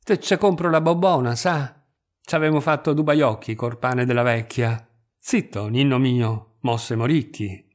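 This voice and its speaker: A man's voice: mid-range voice, measured pace, natural voice. A man voicing a humble, wheedling poor young mother with a Roman accent, coaxing and pleading. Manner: coaxing, pleading dialect speech.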